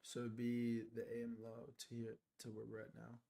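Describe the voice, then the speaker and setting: A man's voice: mid-range voice, completely flat delivery, normal speed, creaky, mellow, slight background noise. Laid-back young-sounding man streaming trades. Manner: laid-back slangy talk, lots of "like", "bro" and "yo"; explains chart setups step by step to chat. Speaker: day trader streaming live. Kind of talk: casual live-stream trading commentary.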